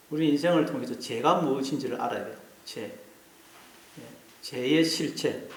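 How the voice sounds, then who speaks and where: A man's voice: fairly high pitch, reverberant, rough recording. A male pastor preaching an earnest sermon, repeating key phrases for emphasis. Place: church.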